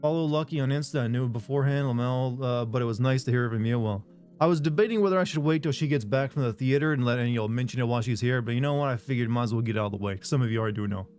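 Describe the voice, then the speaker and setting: Here a man's medium-pitched, darkish voice comes out rapid-fire. An everyday game streamer, he reads chat messages from viewers in a casual live stream, rambling on and joking at his own expense as soft music runs in the background.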